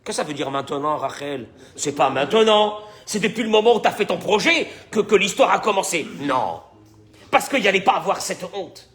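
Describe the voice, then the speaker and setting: Soft music plays behind a high-pitched man speaking at normal speed. He's a rabbi teaching the weekly portion in an animated Torah class, dramatizing dialogue, repeating words, and questioning the audience.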